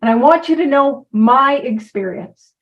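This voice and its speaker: Her voice sits high and animated but a little slow as this recovery speaker chats informally, poking fun at herself and hopping between points. The recording is muffled, and she is far from the mic.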